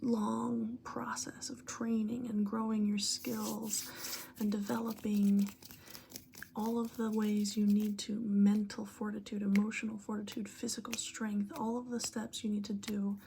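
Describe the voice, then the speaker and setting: A woman giving a breathy, whispered and very soft-spoken ASMR pep talk, speaking informally and gently to the listener. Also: medium pitch, flat delivery, a little slow, slight background noise. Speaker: ASMR creator giving advice.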